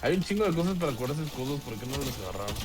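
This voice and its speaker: A man's voice: medium pitch, sing-song, very fast, noisy background. A man with a Mexican accent joking around with profane slang during a gaming session. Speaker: gamer. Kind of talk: casual gaming chat.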